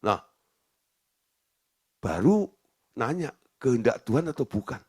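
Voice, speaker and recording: A man's voice: mid-range voice, big pitch swings, slow, darkish tone, breathy edge. A male preacher giving a conversational sermon, telling stories and asking his listeners questions. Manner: chatty, storytelling, asks the audience questions.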